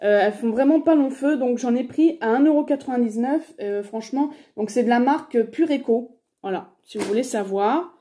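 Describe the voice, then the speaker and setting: Chatty woman with a mellow, slightly high voice. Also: moderate pace. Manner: chatty, hesitant, many fillers. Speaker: haul vlogger. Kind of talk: casual shopping haul chat.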